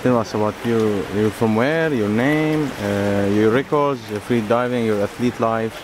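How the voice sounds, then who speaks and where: Male reporter, mid pitch, stumbling through questions, clear noise behind. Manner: halting, lots of uh fillers. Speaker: reporter, interviewer. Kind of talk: interview questions.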